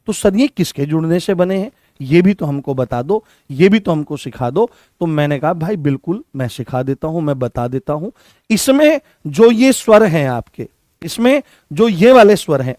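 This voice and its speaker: A male teacher coaching students for an exam. He repeats key points, quizzes the class with questions and stretches vowel sounds out slowly to show them. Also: high-pitched, darkish tone, no echo, studio quality. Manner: addresses students affectionately as "babu".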